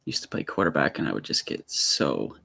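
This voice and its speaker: A man's voice: rumbling low, big pitch swings, fairly quick, creaky, pushed and bright, no room sound. A young man hosting his own live stream from a home room studio on a small desk microphone, telling a story in a nervous, rambling way with many fillers and restarts.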